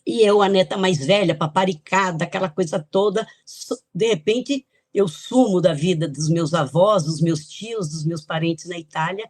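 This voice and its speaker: A woman's voice: on the low side, normal speed, few pauses, a little mellow, no echo, studio quality. An older woman from Italy, a guest author on a podcast interview, telling her life story in a chatty, reminiscing way with light laughs.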